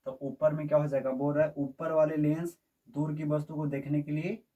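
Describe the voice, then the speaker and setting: Heard from afar, a male physics teacher lectures briskly in a flat, fairly high voice with a dark tone. Throughout the lesson he fires questions at the class and checks whether everyone understands.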